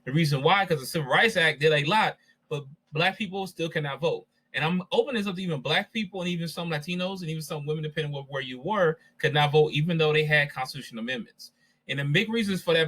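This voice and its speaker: A man's voice: a little high, fast talker, sharp tone, low-quality recording. A man teaching a class, lecturing in a conversational way and addressing his students directly.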